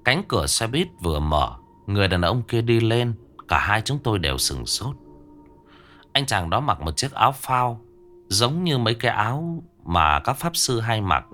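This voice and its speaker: A man's voice: lowish voice, big pitch swings, measured pace, fairly bright tone, soft background music. A man narrating a ghost story in a tense, dramatic storytelling manner.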